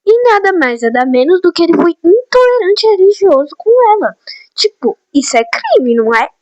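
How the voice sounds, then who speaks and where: A teenage girl telling school gossip to her viewers in a chatty, animated way, on a phone mic in a small room. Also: very high-pitched, moderate pace, dry recording, dull audio. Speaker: vlogger. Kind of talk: casual gossip storytime. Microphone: phone or headset mic.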